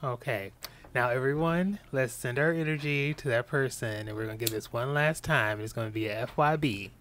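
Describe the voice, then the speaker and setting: A man co-hosting a podcast in casual chat, chiming in with quick, playful reactions and hype. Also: mid-range voice, fairly bright tone, slight background noise. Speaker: podcast co-host.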